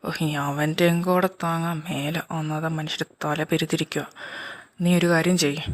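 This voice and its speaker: A woman's voice: low-pitched, flat delivery, normal speed. A woman acting in a fan audio drama, speaking plainly and conversationally while voicing male characters.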